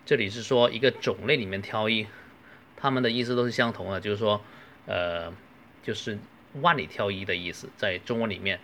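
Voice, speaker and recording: A man with a Cantonese accent teaching English phrases, reading each line slowly and carefully, then explaining. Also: on the low side, a bit bright, a little hiss or hum. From southern China. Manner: slow, careful model phrases between quick explanations. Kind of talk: language lesson.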